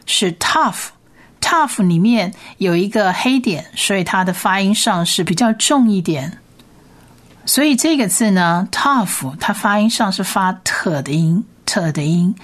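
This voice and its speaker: A woman teaching a recorded language lesson in a patient way, repeating each sound slowly and carefully. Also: medium pitch. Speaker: Hebrew teacher.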